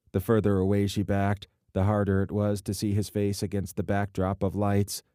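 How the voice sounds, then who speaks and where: Deep-voiced male audiobook narrator. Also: warm tone, no echo, studio quality. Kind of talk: scripted narration.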